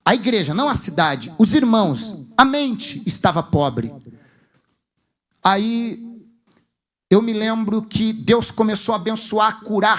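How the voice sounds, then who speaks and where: A man with a Brazilian accent preaching a sermon as a pastor, telling an emphatic story full of acted dialogue. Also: high voice.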